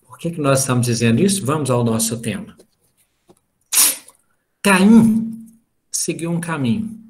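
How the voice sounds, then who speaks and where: A middle-aged man giving an informal spiritual talk over a video call, telling family stories and acting out the dialogue. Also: a little high. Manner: storytelling, acts out family dialogue. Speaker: lecturer at a spiritist study group.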